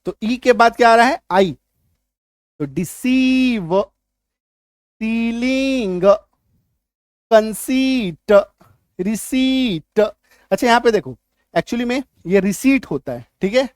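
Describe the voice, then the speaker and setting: Man teaching, quizzing with quick questions. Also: very high-pitched, no echo, studio quality. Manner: repeats points and quizzes the listener with quick questions; drills word lists aloud, one word at a time. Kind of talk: spoken classroom lesson.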